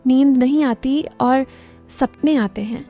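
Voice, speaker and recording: A shy young man, bashful and hesitant, talking a little high for a man, voiced by a woman telling the story. The tone is soft and mellow, with faint music underneath. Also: slow pace.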